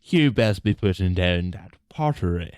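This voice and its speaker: Shopkeeper, male, stern and dismissive, voiced by a man running the game; low voice, dry. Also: animated, moderate pace, a little mellow, clean tone, no room sound. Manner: curt, dismissive, ordering people off. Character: stern male shopkeeper guarding his pottery.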